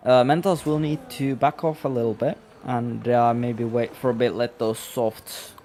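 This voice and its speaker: A man's voice: mid-range voice, moderate pace, a little hiss or hum. A man co-commentating an online racing league, steadily tracking the gaps at the front. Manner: steady, follows gaps between leaders. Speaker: race co-commentator. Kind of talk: casual sim racing commentary.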